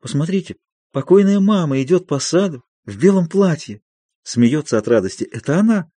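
A man's voice: fairly high pitch, animated, normal speed, warm tone, husky, dry recording, pitched above the performer's own voice. A man voicing a middle-aged noble lady, nostalgic and tearful, reading an audiobook of a play. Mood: wistful. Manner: wistful, emotional.

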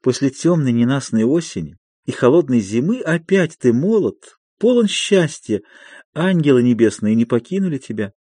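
A man's voice: medium pitch, lively intonation, moderate pace, warm tone, husky, dry recording, voice pushed up. A man voicing a middle-aged noble lady, nostalgic and tearful, reading an audiobook of a play. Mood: wistful. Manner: wistful, emotional.

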